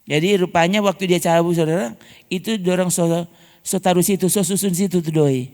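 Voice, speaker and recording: A male pastor with a Manado Malay accent, telling stories to his congregation with animated energy and calling out to them as he preaches. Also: sits high, a little fast. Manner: animated storytelling, calls out to the congregation. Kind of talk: sermon. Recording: echoey church hall.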